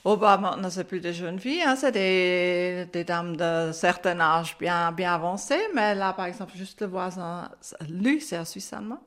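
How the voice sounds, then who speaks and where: A woman's voice: on the low side, normal speed, hardly any pauses. An older woman who grew up speaking Swiss German, telling her life story in a chatty way with a Swiss German accent in French. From German-speaking Switzerland. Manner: chatty, frequent "hein" and "euh", laughs often. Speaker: interviewee. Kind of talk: recalled life story in conversation.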